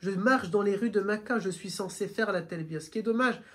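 A man's voice: sits high, brisk. French-speaking man guiding a group. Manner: lively, teacherly, asks questions. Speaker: religious guide. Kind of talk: explaining to a travelling group. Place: train carriage.

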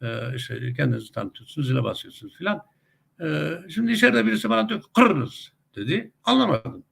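A middle-aged man talks through his commentary in a gravelly, husky voice. He chats along with frequent hesitation sounds and now and then climbs into emphatic, rising outbursts. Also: fairly high pitch, lively intonation, quick pace, a bit bright. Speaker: commentator on a web TV channel. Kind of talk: casual spoken commentary with anecdotes.

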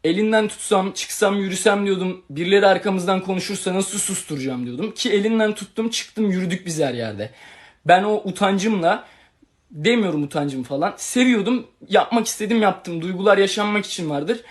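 Fast-talking young man, agitated livestream. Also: high-pitched. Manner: agitated, rambling, retells quarrels with quoted lines. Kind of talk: emotional livestream monologue.

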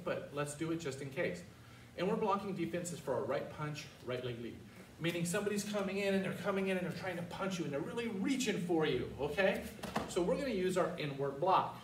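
Older male karate instructor, roomy and distant. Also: on the high side. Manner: commanding, instructional, calling out short counted cues. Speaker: martial arts instructor. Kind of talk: karate lesson with call-and-response drills. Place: large martial arts studio, indoors. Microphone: far camera. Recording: roomy, distant mic with faint noise.

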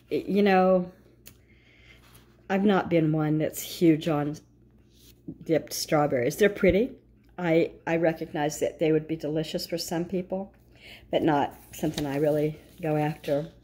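A woman's voice: deep voice, a little mellow, slightly rough. A middle-aged woman at home, chatting casually and thinking aloud with frequent asides. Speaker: vlogger. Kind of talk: casual chat reviewing a grocery flyer.

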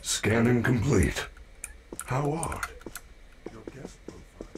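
Gentle caring robot bear. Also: male voice, mid-range voice, slow. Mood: gentle, careful. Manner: polite, formal, careful robot phrasing. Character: gentle caring male animatronic bear robot, big and kind. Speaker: game character. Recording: game audio under loud noise.

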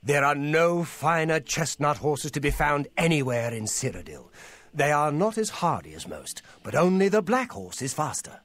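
A proud stable owner from a fantasy game, pitching his horses with a lively, bouncing delivery. He sits on the high side for a man and makes every line sound like a bargain. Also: normal speed. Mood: salesy. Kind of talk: game voice acting.

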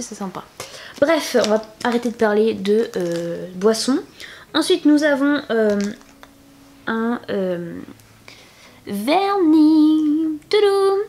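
A young woman chatting through a beauty haul at home, full of fillers and quick restarts. She talks loosely and warmly to her viewers and keeps breaking off to reveal the next item. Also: medium pitch, a little hiss or hum. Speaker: beauty vlogger. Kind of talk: casual haul video chat.

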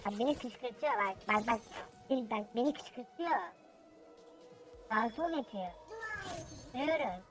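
A gamer with a pitched-up helium voice effect, giving casual, cocky, crude gameplay commentary with slang and swearing. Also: measured pace, pauses often, a bit bright, soft background music. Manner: cocky, crude, mock-tutorial. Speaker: gaming video creator commentating own gameplay.

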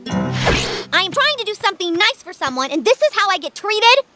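A woman's voice: very high voice, wildly swooping pitch, normal speed, pushed and bright, heavily acted. A woman voicing a spoiled, vain teenage girl dog in a cartoon, with a bossy, sarcastic, theatrical manner. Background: cartoon music.

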